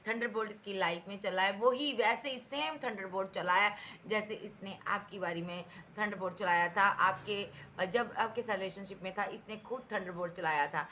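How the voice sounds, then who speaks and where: A woman's voice: medium pitch, moderate pace, pushed and bright, a little hiss or hum. A woman giving a tarot reading, talking emphatically and repeating herself as she addresses the viewer directly. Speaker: tarot reader.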